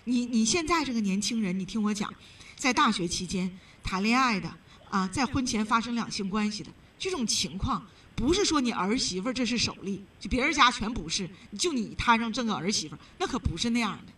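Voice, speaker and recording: A woman's voice: fairly high pitch, expressive, a little fast, a bit bright, breathy edge, recorded from a distance. A woman hosting a call-in advice radio show, blunt and emphatic, lecturing the caller.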